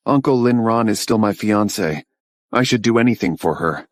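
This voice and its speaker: A man's voice: fairly low pitch, lively intonation, normal speed, dry recording, natural voice. A man dubbing a smug young man posing as a CEO, fawning over his fiancée, recorded dry in a studio. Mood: smarmy. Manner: smug, smarmy. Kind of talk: English drama dub.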